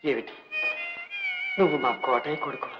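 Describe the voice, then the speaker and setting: A weeping ruined old leper. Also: male voice, medium pitch, huge pitch swings, normal speed. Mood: sorrowful. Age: older. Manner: sorrowful, tearful, self-pitying pleading. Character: old ruined former millionaire man with leprosy, humble, grieving. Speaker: film character. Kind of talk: 1960s Telugu film drama. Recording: dull old film soundtrack with music.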